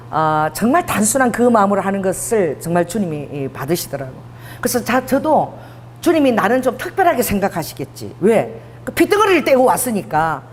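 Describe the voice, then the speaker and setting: A woman's voice: medium pitch, a little hiss or hum. A middle-aged woman pastor with a Busan accent preaching a sermon, telling stories animatedly and acting out dialogue. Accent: Busan dialect. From Busan, South Korea. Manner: animated storytelling, acts out dialogue, laughs often. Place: church sanctuary. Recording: long hall reverb.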